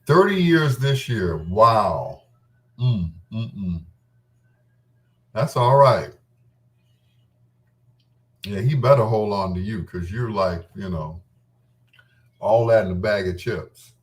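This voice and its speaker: Speaking slowly with frequent pauses, yet animated, a middle-aged man with a lowish voice is picked up from a distance. As host of his own show he reminisces in a loose, candid, playful manner, telling informal stories and quoting himself along the way.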